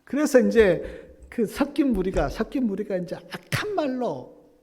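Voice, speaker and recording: A male pastor preaching a sermon, swinging from loud exclamations to hushed whispers and acting out quoted prayers. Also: high voice, sing-song, a little slow, husky. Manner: acts out quoted prayers and complaints. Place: church sanctuary. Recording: long hall reverb.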